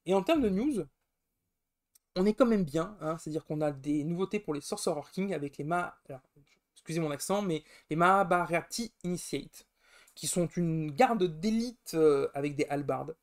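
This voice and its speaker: A man's voice: fairly high pitch, lively intonation, normal speed, a little mellow. A man hosting a casual live-stream podcast, rambling enthusiastically with frequent fillers and self-corrections, grumbling now and then. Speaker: podcast host.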